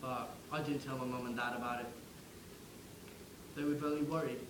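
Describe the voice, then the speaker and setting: A man's voice: medium pitch, steady tone, normal speed, echoey room, noisy background, natural voice. A man playing the ghost of a young soldier from the First World War, who speaks wryly and directly to the listener. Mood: wistful. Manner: wry, conversational, addresses the listener directly. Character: ghost of a young English WWI soldier, wry. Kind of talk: theatrical monologue.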